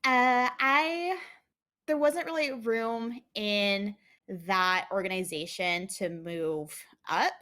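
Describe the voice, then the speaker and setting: A woman's voice: medium pitch, fairly bright tone. Chatty young woman, laughing often. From United States. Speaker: interview guest. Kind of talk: casual interview.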